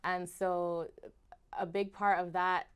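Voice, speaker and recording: A woman's voice: fairly low pitch, level tone, slow pace, a bit bright, smooth. A young Barbadian woman singer from Barbados, talking expressively as a guest in a casual interview. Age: young adult.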